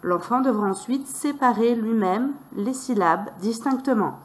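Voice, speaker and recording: A woman teacher walking parents through a reading method, sounding out letters and syllables slowly and deliberately. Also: fairly high pitch, darkish tone.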